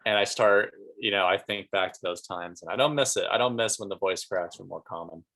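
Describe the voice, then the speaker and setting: A man's voice: deep voice, fairly quick, bright, forceful tone, low-quality recording. A young man co-hosting a podcast, chatting casually and throwing in dry, teasing jokes. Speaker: podcast co-host. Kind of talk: casual chat.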